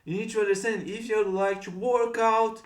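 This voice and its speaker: A native Portuguese-speaking man from Brazil, an English tutor with a Brazilian Portuguese accent, gives a motivational talk to camera with earnest advice on learning English, repeating his encouraging coaching phrases. His voice sits high, steady in tone at normal speed, in an echoey room.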